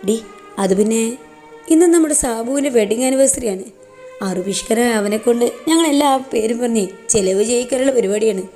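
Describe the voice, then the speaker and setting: A woman's voice: on the high side, brisk, mellow, faint music behind, natural voice. A woman voicing a young husband who coaxes and pleads playfully. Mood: coaxing. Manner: coaxing, pleading. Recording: long reverb.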